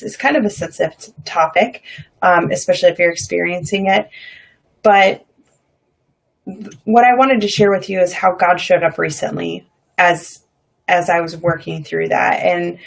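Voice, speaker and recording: A woman casually telling a personal faith story, animated and full of "like" and "um". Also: lowish voice, vocal fry. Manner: animated, dramatizes her own past reactions; many fillers like "like" and "um". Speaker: vlogger sharing faith stories.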